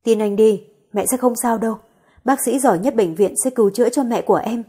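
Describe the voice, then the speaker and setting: A woman voices a protective young man in a storybook romance, speaking softly and reassuringly. Her husky tone stays calm and steady. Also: on the high side, fairly quick. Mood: soothing. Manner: soothing, reassuring. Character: gentle, protective young man comforting his love.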